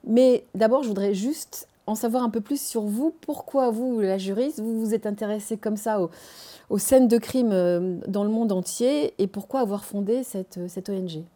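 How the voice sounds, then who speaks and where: A woman's voice: medium pitch, normal speed, dark tone. A woman interviewing a guest in a TV studio, with an English accent, hesitating often with fillers and restarts.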